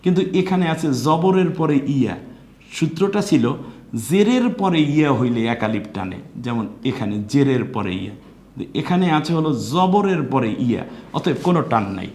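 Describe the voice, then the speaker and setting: A man's voice: on the high side, big pitch swings, a little mellow, echoey room. A man teaching Quran recitation step by step, spelling out syllables and explaining pronunciation rules. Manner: spells out syllables slowly, then chants verses drawn out.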